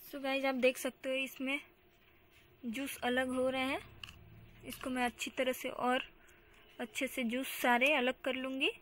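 A woman's voice: sits high, level tone, measured pace, pauses often, a bit bright, slight background noise. A woman hosting a home beauty channel, narrating a do-it-yourself tutorial in a chatty way. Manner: chatty, repeats "so guys". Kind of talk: DIY tutorial voice-over.

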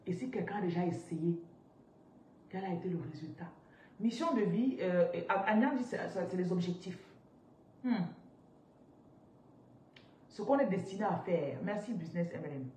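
Woman in her thirties, live-stream coach, lively and interactive, roomy echo, set back from the phone mic. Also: on the low side, normal speed, pauses often. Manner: animated, interactive, reads out viewer comments. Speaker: spiritual business coach. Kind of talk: live stream teaching with viewer questions. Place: indoors, seated on a large ornate chair. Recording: roomy echo, somewhat distant from mic, faint noise.

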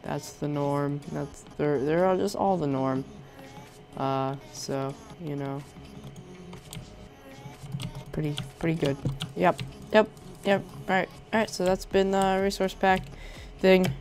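Speaking a little slowly in a voice on the high side, with music in the background, a young man casually shows off a Minecraft resource pack. The sore-throated YouTuber rambles hesitantly, with lots of ums and restarts.

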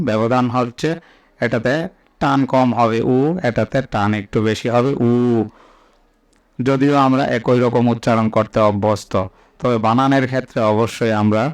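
A man teaching as he recites each item slowly and enunciates it carefully, with explanations in between. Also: mid-range voice. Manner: slow, deliberate, enunciating each letter. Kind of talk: slow instructional recitation.

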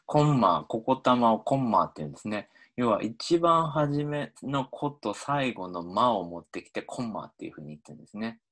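A man lecturing on linguistics over slides, talking in an animated way with many hesitations, fillers and restarts. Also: moderate pace, hardly any pauses. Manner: animated, pitch swinging up and down. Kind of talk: explaining phonology over slides.

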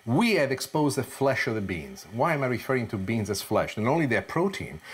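Middle-aged man, expressive TV chef. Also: mid-range voice, breathy edge. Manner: expressive, explains each step with rhetorical questions. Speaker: TV chef host. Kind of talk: cooking show presentation. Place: home kitchen, indoors.

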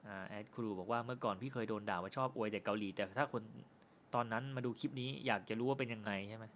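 A man hosting a film review channel, chatting casually with viewers on a live stream. He jokes, swears freely, and says he stumbles and stutters when he talks fast. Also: on the low side, fairly bright tone, a little hiss or hum. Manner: loose and joking, with frequent swearing.

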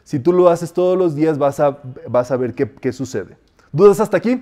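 A man leads a metaphysics class. His voice is mellow and sits somewhat high. He explains calmly and repeats short affirmations slowly and softly to demonstrate them. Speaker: metaphysics teacher. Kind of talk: spiritual class with guided decrees.

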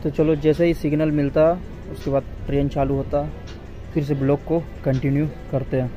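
A man's voice: fairly high pitch, flat delivery, moderate pace, muffled recording, faint music behind. A young man chatting to viewers as a travel vlogger, filming on an action camera inside a train coach and on station platforms. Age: young adult. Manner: chatty, addresses viewers as guys. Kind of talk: casual vlog narration. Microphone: action camera held close. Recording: noisy handheld train recording. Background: train and station noise.

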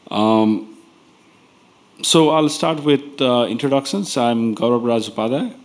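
A man chairing a conference members meeting from a panel table, speaking in an unhurried, informal way. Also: mid-range voice, lively intonation.

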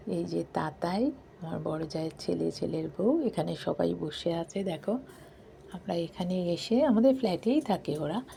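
A middle-aged woman recording a soft, hushed voice-over for her vlog from a balcony late at night, talking quietly while others sleep. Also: on the low side, gravelly, slight background noise. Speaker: vlogger. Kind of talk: softly spoken voice-over narration.

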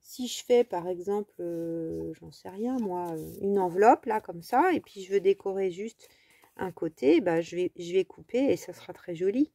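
A woman's voice: lowish voice, animated, moderate pace, gravelly, dark tone, no echo. A French woman hosting a casual crafting tutorial, talking in a chatty, rambling way with many fillers.

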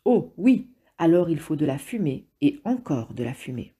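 A woman reading the part of an earnest boy leader stranded on an island, pleading urgently in a husky, dark voice. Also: sits low, big pitch swings, moderate pace, exaggerated voice. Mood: eager.

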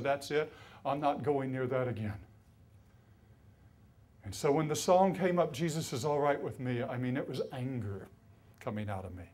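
A man in his fifties from the US East Coast, telling his life story as a conference speaker. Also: a little high. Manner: storytelling, grows loud and excited, often laughing. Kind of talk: preaching testimony. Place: conference hall.

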